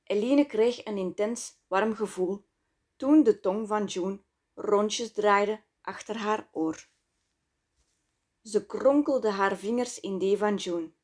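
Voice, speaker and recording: A woman reading her own book aloud in slow, measured, intimate scripted narration. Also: mid-range voice, darkish tone. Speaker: author and narrator.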